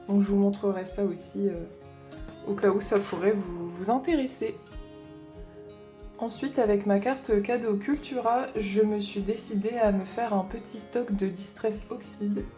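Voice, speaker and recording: A woman's voice: medium pitch, steady tone, measured pace, mellow, soft background music. A woman chatting casually in a haul vlog, explaining her craft supplies as she thinks aloud. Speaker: craft vlogger.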